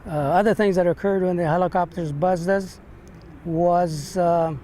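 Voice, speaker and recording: An older American man remembers his days as a veteran in an interview. His voice is mellow and sits a little high for a man. He speaks haltingly, pausing and repeating words as he searches his memory, over faint background noise. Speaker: navy ship veteran being interviewed. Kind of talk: reminiscing in an interview. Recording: noisy, with steady background rumble.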